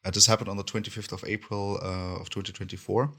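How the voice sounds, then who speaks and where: A man co-hosting a podcast, talking in a halting way with many fillers and restarts. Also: low voice, level tone, creaky, bright, forceful tone. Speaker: podcast co-host. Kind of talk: casual podcast commentary.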